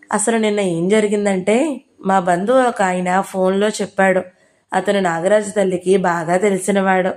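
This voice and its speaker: Insistent older father in an audio novel, plain conversational tone, read by a woman, mid-pitched. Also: a little mellow, close to an everyday voice. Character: older father pushing his daughter's court case.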